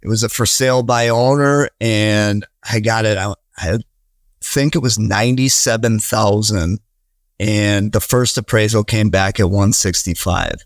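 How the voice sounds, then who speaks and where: A real estate investor in his thirties with a Wisconsin accent speaks earnestly as a podcast guest, rambling with many fillers and restarts in a casual conversation. His voice is on the low side, steady and a little slow, with no echo.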